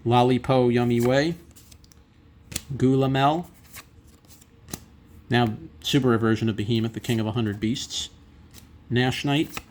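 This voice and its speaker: A man's voice: medium pitch, steady tone, a little slow, pauses often, darkish tone, a little hiss or hum. A man giving casual commentary on a card pack opening, reading out names and effects and adding brief reactions. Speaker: trading card collector presenting a box opening.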